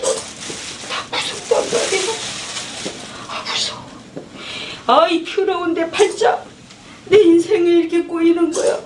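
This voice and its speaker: A scared, worn-out miner father, played by a woman, moans that he cannot bear to go down into the deep pit. The voice sits high, heard from a distance in an echoey hall with background noise. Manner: moaning, despairing monologue. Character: frightened weary miner father, middle-aged man.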